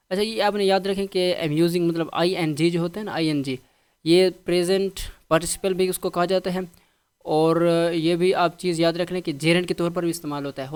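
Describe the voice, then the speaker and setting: Smooth-voiced Pakistani male English teacher. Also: a little high. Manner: patient, repeats each word with its meaning. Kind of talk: vocabulary lesson.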